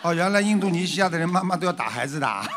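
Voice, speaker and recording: A man's voice: sits high, background noise. A man giving a lecture to followers, asking rhetorical questions and acting out frightened voices. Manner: animated, acts out scared voices and rhetorical questions. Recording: long hall reverb.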